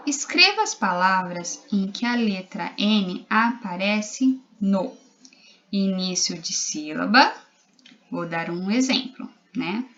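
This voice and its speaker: A woman's voice: mid-range voice, lively intonation, slow pace, a bit bright, highs cut off. A woman primary school teacher with a Brazilian Portuguese accent, giving a recorded literacy lesson to young children, spelling out letters and syllables patiently.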